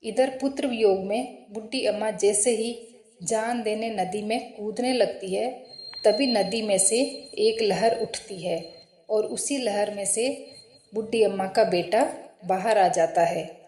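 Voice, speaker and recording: A woman narrating a devotional folk tale in a measured storybook manner. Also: mid-range voice, mellow. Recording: roomy echo.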